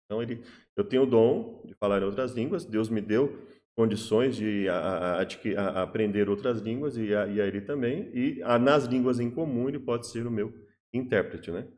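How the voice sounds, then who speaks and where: A man's voice: lowish voice, normal speed, darkish tone. Man teaching Bible study, full of restarts. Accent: Brazilian Portuguese. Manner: hesitant, many restarts and "né?" tags; explains patiently with worked examples.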